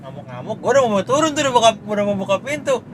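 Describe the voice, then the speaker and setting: A man's voice: high-pitched, lively intonation, rapid-fire, crowd noise. A man telling a road story in a casual car podcast chat, acting out what people said. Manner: storytelling, acts out quotes. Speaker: podcast co-host. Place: inside a car.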